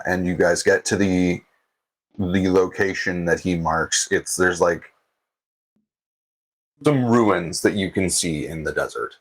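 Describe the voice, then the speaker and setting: A man with a very low, husky voice runs a tabletop game. He talks in a relaxed way, often pausing on fillers while he hunts for the right word. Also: poor audio. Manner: relaxed, searching for words with many fillers. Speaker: game master.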